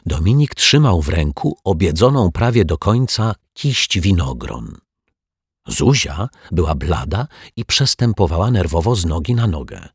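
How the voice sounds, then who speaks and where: A man narrating a children's story with a measured, gently playful delivery on a close mic. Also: deep voice, big pitch swings, breathy edge, no echo. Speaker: audiobook narrator.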